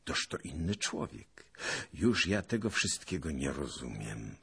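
A man voicing a loyal, earnest young knight who speaks respectfully, in a husky voice. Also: a bass voice, very animated, measured pace, a bit bright, heavily acted. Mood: puzzled.

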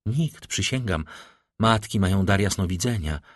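A man voicing a grieving middle-aged noblewoman who pleads with hushed desperation for her son. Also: sits low, lively intonation, moderate pace, no echo, studio quality. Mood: pleading.

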